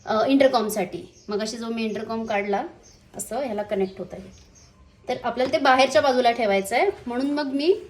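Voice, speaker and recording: A motovlogger, a woman whose voice sits on the high side, talks a bit quickly while casually unboxing a product and demonstrating its installation. She pauses hesitantly at times and blends English words into what she says.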